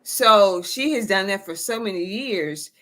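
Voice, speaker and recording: A woman co-hosting a talk show, speaking in a measured way with formal phrasing. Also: mid-range voice, animated, a bit bright. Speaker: co-host. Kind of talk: casual talk show chat.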